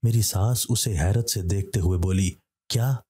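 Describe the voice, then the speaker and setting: A man with a low, husky voice reads a scripted horror story. His tone is dark and mellow, and he keeps a steady pace as he voices every character himself. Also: normal speed.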